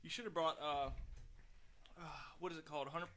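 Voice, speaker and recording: Bright, excitable podcast host man. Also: on the high side, brisk, slight background noise. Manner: joking, excitable banter. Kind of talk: casual chat.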